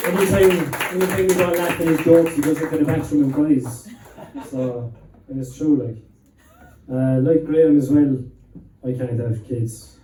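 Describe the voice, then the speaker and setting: A man's voice: fairly high pitch, steady tone, normal speed, mellow, a little hiss or hum. A man in his thirties with a Limerick Irish accent, doing a crude, self-mocking stand-up set and bantering with a pub crowd. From Ireland. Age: 30s. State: slightly out of breath. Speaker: stand-up comedian. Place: pub stage with live audience. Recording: roomy pub sound from a distant mic.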